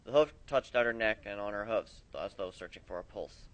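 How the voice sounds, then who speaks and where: A man reading fan fiction aloud, expressive, his loudness rising and falling with the story. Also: fairly low pitch, a little fast, low-quality recording.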